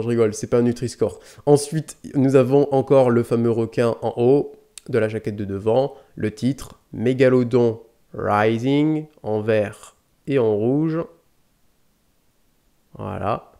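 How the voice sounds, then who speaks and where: A man hosts a casual unboxing vlog at mid pitch. He rambles, swears lightly and keeps correcting himself. He talks close to a desk mic. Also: measured pace, warm tone. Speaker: YouTube DVD collector host.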